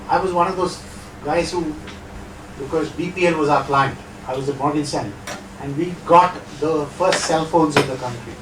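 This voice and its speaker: Speaking a little higher than most men, a middle-aged Indian guest lecturer, whose first language isn't Hindi, addresses an audience in a reverberant hall in Indian English. He sits back from the mic, so he sounds thin, and talks conversationally while tossing rhetorical checks to the room. A little hiss or hum is audible.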